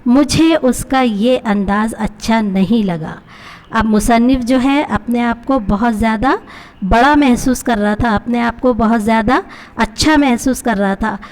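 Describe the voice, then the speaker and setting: A woman's voice: fairly high pitch, darkish tone. A woman teacher with a Pakistani accent, reading a story to her class and explaining each line with questions to her pupils. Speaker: Urdu teacher.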